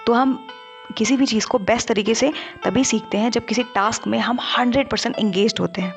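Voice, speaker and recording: A woman narrating an animated study-tips explainer, talking to viewers in a chatty teaching manner. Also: fairly high pitch, brisk, soft background music. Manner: conversational teaching, addresses viewers directly.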